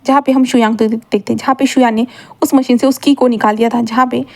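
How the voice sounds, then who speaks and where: A woman's voice: on the high side, fairly even intonation, fast, vocal fry, darkish tone. A woman retelling a fan fiction story in a rambling way, repeating linking phrases.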